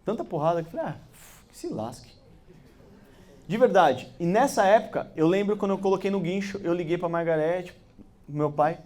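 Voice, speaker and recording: Animated Brazilian man telling stories. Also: high-pitched, normal speed. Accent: Brazilian Portuguese. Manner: animated, acts out dialogue, laughs through stories. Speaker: motivational business speaker. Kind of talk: storytelling talk to an audience.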